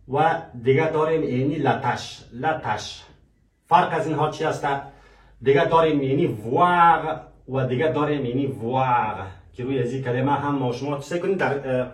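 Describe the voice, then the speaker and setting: Man teaching French. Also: on the high side. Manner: asks rhetorical questions and answers them himself; slowly spells out French example phrases. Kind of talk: French lesson. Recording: echoey room, mic at a distance.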